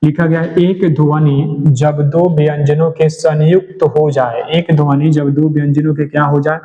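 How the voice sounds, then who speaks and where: A man's voice: a little high, little pitch movement, measured pace, dark tone. A male teacher going through exam questions one by one, asking each question aloud and then answering it himself. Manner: keeps asking and answering his own questions. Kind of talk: exam-prep lecture. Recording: dull lo-fi sound.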